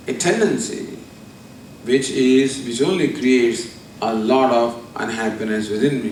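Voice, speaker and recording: A man, a spiritual teacher giving a deliberate scripture lecture with everyday examples. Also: medium pitch, a little hiss or hum. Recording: roomy, distant mic.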